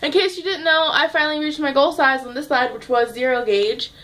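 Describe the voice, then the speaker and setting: A woman's voice: high-pitched, steady tone, brisk, fairly bright tone. A young woman chatting casually in a home vlog, rambling and restarting her sentences as she talks to her viewers. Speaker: vlogger. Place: home room, at a table.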